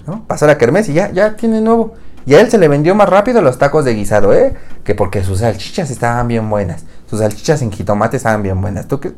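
A man's voice: medium pitch, darkish tone. A young man with a Mexican Spanish accent hosting a podcast, telling rambling comic stories in slang and laughing at his own jokes. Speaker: podcast host. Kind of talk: casual comedic monologue.

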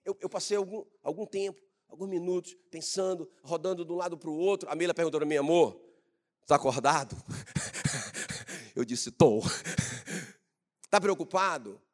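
A man preaching a sermon, shifting between quiet personal storytelling and loud shouted bursts of praise. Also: high-pitched, normal speed, pauses often. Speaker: pastor.

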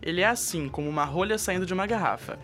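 A man's voice: high voice, fast talker, fairly bright tone, soft background music. A young man with a Brazilian accent co-hosting a student radio show, reading scripted lines with a light, jokey touch.

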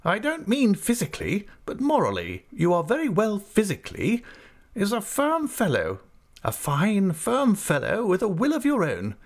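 In a storybook reading, a male narrator voices a stern but fond elderly aunt, giving her a high, emphatic delivery with a firm, commanding air beneath the affection. The performance is heavily acted, with wildly swooping pitch at a moderate pace. Her mood is brisk and emphatic.

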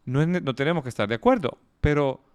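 Man, smooth resonant voice, fairly high pitch, animated storyteller, casual podcast chat. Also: fast. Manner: animated storytelling, quotes others in raised voice. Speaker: philosophy teacher, podcast guest.

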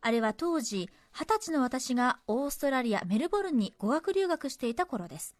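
A woman co-hosts a radio show from the studio, reading out a listener's letter and then chatting. Her high voice moves lively up and down, and the sound is dry and close. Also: a little fast, dry recording. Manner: expressive, chatty, laughs easily. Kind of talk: reading a letter aloud, then casual chat.

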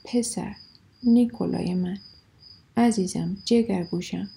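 A woman reading the lines of a hardened, fierce middle-aged Cossack chieftain in a gruff, commanding way. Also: medium pitch, mellow, natural voice, poor audio. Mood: grieving.

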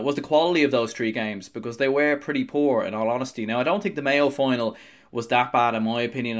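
Irish man hosting a sports podcast. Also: mid-range voice. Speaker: host of a Gaelic games review podcast. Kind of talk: podcast commentary.

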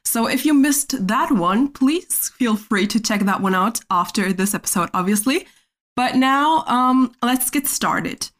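A young woman from Germany hosting a casual podcast chat, talking in a relaxed, chatty way with lots of fillers. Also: a little high, unhurried. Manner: chatty, laughs often, frequent fillers. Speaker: podcast host.

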